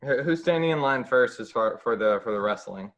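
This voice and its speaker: A man running a tabletop game as game master, relaxed and halting with fillers. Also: medium pitch.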